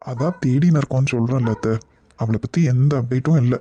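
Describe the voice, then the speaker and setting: A man voicing a caring, patient young husband in a cartoon, speaking in a gentle, coaxing way. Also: medium pitch, fast talker, dry recording, dull audio, close to an everyday voice.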